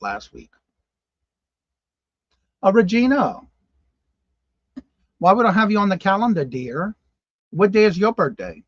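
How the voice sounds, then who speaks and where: This fifties-aged host of a casual live-stream morning show reads comments and addresses viewers by name, often exclaiming in disbelief. His high voice swings widely in pitch, moving at a measured pace with frequent pauses, and the audio has no room sound and cut-off highs.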